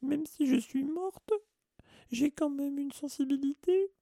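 A man voicing the touchy ghost of a teenage girl in an audiobook, wailing in a high, sobbing lament. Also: very animated, moderate pace, gravelly, warm tone, husky, no room sound, clean studio sound, exaggerated voice. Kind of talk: audiobook character voice.

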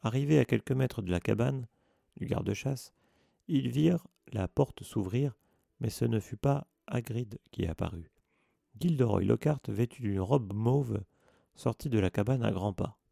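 A man reading an audiobook in a steady storytelling voice. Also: medium pitch, unhurried, gravelly, dry recording, studio quality. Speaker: narrator. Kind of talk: audiobook narration.

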